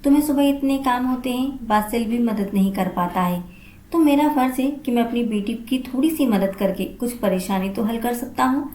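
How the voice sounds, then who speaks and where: A woman voicing a kind, caring elderly father-in-law in a spoken storybook, in a soft affectionate tone. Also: a little high, normal speed, close to an everyday voice. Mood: tender. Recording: roomy echo.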